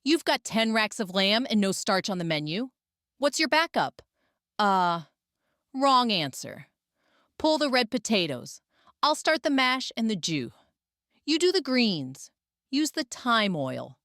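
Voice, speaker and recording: A woman voicing a single-mother caterer who gives calm, sharp orders. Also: mid-range voice, a little slow, dry recording, clean studio sound. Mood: commanding.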